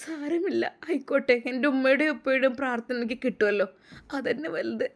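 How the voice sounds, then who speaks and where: A woman voicing a humble older woman who speaks softly and hesitantly. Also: high voice, brisk. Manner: soft, hesitant, pleading.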